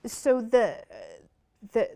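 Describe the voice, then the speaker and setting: A woman's voice: a little high, steady tone, extremely slow, mellow. Woman host posing what-if questions. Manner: asks questions through hypothetical personal scenarios. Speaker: interview host. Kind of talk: conversational interview.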